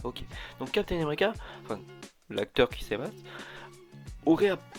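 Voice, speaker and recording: A man talking casually to camera as a vlogger, rambling and often restarting his sentences. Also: medium pitch. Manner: rambling, with frequent restarts and asides. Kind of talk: casual chat.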